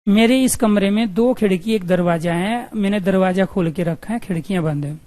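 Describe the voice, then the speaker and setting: A man teaching Hindi grammar to exam students, repeating the letter sounds and often checking with "clear?". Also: high voice, moderate pace, darkish tone. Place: room with two windows and an open door.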